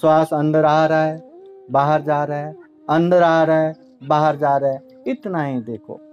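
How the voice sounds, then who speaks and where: A man voicing the Buddha as a serene teacher who answers softly and without hurry. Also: a little high, little pitch movement, lo-fi sound, soft background music, voice pushed down, lightly acted. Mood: calm. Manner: soft, slow and unhurried.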